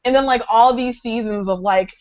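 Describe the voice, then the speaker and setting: A woman's voice: fairly high pitch, moderate pace, dull audio. A woman ranting to friends on a live online call, frustrated and swearing, with "like" between nearly every phrase. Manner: frustrated, profane, filler-heavy ranting. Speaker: fan in a live discussion. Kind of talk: casual group chat rant. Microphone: video call.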